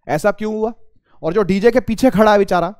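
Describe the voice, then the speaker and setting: A man with a rather high voice explains physics to students in a relaxed, conversational way, often asking a question and then answering it himself. His throat sounds a little strained. The recording is close and dry, with no room echo. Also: brisk, smooth. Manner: addresses students as beta, asks and answers his own questions. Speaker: teacher. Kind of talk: casual spoken physics lesson.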